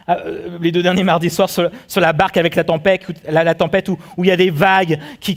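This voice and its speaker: A man preaching a sermon as pastor, animated and full of rhetorical questions to his congregation. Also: sits high. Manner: acts out the quotes he tells.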